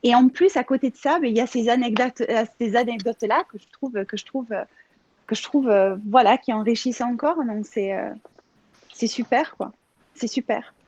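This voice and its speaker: A woman's voice: a little high, normal speed, a little mellow, no echo. Marseille-accented woman telling a family anecdote. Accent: Marseille French. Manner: hesitant, many restarts and fillers. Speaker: guest contributor. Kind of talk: casual chat. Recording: dull lo-fi audio.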